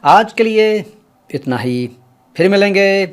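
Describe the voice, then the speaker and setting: A male language teacher in an explanatory lesson, repeating each letter and sound aloud with deliberate care. His pitch rises and falls with a lively, animated swing. He speaks to his learners directly and politely. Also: smooth. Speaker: English pronunciation teacher.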